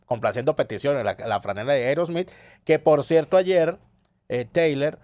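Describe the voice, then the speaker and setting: A man's voice: fairly high pitch, moderate pace, darkish tone, no room sound. A man co-hosting a radio talk show, greeting listeners and joking around with playful banter. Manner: joking, playful, hesitant with fillers. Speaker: radio co-host.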